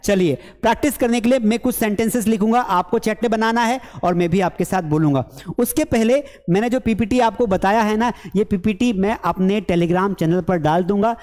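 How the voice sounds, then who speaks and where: A man teaching an online spoken English class, lively and teasing, who acts out his learners' mistakes. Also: high-pitched, moderate pace, long reverb tail.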